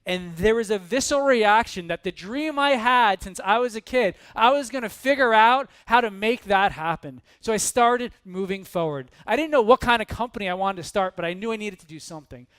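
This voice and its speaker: A man giving a storytelling motivational talk on stage before an audience, animated and dramatic, acting out scenes. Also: sits high, a little fast, hardly any pauses, smooth. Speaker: keynote speaker.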